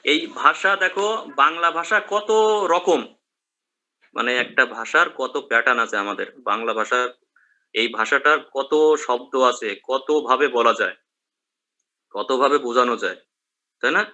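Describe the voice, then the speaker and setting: Bright-voiced man teaching. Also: mid-range voice, animated, unhurried, long pauses. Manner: explains in questions, checks with students. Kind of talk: online class lecture.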